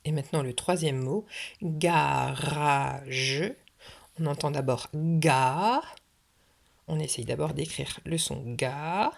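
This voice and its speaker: A woman's voice: low voice, moderate pace, creaky, few pauses, darkish tone. A woman teaching a video phonics lesson for young children, patiently sounding out each syllable. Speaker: kindergarten teacher. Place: French classroom or home, recorded for video.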